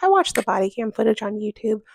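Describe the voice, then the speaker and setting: Chatty young woman with gravelly voice. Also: mid-range voice, sing-song, quick pace, a little mellow, no echo. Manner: candid, emphatic, rhetorical questions. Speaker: home vlogger. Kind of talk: voice-over chat while cleaning.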